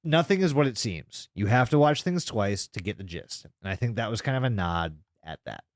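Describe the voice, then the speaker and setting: In clean studio audio with no echo, a podcast co-host with a lowish voice and lively intonation recaps a web horror series. His casual chat moves at normal speed and is informal, emphatic and full of swearing.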